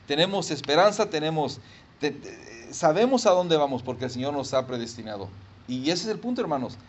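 Male pastor, fairly high voice, animated sermon delivery with acted-out voices. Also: brisk. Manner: animated, emphatic, acts out voices and sounds. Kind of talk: sermon and prayer.

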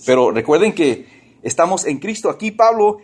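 A male pastor with a somewhat high voice gives a lively, conversational sermon. He speaks straight to the congregation and asks them rhetorical questions. Now and then he slips into the voices of people who complain. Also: moderate pace, slightly rough.

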